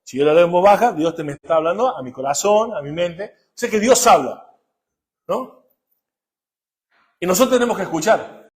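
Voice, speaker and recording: A male pastor preaches in a notably high voice. He moves from quiet, low asides to loud, pressing emphasis and keeps asking the congregation questions. He sounds middle-aged. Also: expressive, moderate pace, long pauses. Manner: swings between hushed asides and loud emphatic bursts; asks the congregation rhetorical questions. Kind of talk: sermon.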